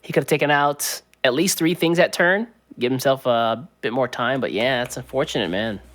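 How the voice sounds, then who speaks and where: A man's voice: mid-range voice, normal speed, fairly bright tone. A man co-casting an esports card game, laid-back and joking in banter. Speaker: esports co-caster. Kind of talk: live esports commentary.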